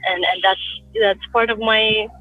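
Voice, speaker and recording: A woman in her thirties from Abu Dhabi, a guest artist talking in a relaxed, reflective way outdoors in the wind. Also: mid-range voice, moderate pace, dry recording. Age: 30s. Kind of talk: casual interview talk. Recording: dull lo-fi sound, faint music.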